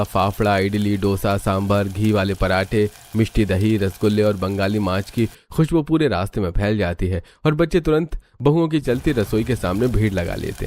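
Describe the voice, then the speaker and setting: A man's voice: lowish voice, a little mellow. A man reading scripted narration for a cartoon family story. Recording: clearly noisy background.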